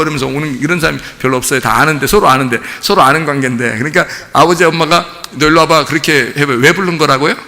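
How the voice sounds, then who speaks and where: Male pastor, sermon, gravelly forceful voice, long church-hall reverb. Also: a little high. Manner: animated preaching, acting out a parent and child with laughs. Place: church sanctuary.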